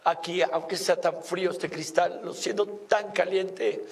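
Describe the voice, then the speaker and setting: A man hosting a reality show, giving a heartfelt, earnest talk by a campfire with many pauses. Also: high-pitched, fairly even intonation. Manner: slow, earnest, pausing often. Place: outdoors at a campfire at night.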